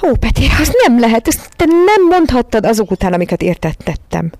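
A woman's voice: sing-song, a little mellow, dry recording, clean studio sound. A woman voicing a haughty, fussy lady who scolds and wails over her dog in a storybook reading. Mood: wailing. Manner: shrill and wailing, theatrical.

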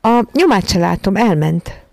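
A woman doing a quiet little boy. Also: mid-range voice, expressive, gravelly, dry recording. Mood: hushed.

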